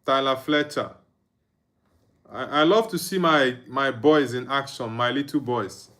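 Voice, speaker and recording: His mid-range voice is a little slow and fairly bright. A young man from Nigeria running a live football watchalong, he keeps the chat casual, reads comments from viewers aloud, chuckles, and softly hums and sings.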